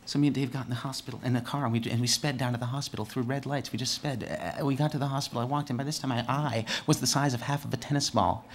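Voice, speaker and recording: Male storyteller, monologue delivery, animated with big swings in energy, stammers and repeats words. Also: very fast, hardly any pauses, slight background noise. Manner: animated, swings between excited highs and hushed lows. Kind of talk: first-person storytelling monologue.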